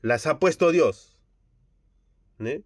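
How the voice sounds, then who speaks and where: A man preaching a Bible study online, earnest and slow, dropping Japanese fillers between phrases. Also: a little high, expressive, no echo, clean studio sound. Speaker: pastor.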